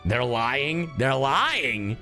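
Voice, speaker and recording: The voice is a man's at medium pitch, extremely slow, with big pitch swings and a bright, forceful tone. A professional voice actor who streams, he plays a game live and reacts with casual, sweary jokes. Game music can be faintly heard behind him.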